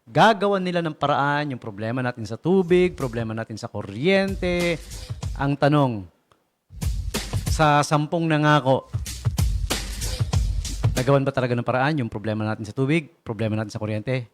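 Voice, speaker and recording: A man's voice: medium pitch, lively intonation, moderate pace, long pauses, music in the background. A man hosting a radio show in casual talk, joking, laughing often and firing rhetorical questions at his listeners from the station studio.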